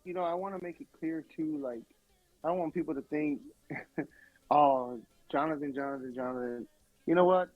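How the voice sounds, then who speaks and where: A man speaking as a music producer guest in a casual radio interview, telling stories in an animated way, heard over a tinny dry phone line. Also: a little high, normal speed, long pauses, no echo. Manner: animated storytelling.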